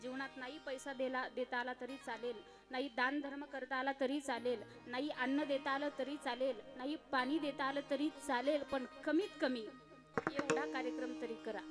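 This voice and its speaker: Woman kirtan preacher, high voice, animated storyteller, music behind. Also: normal speed. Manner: animated, dramatic storytelling, acting out each figure. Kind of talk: devotional kirtan sermon with storytelling.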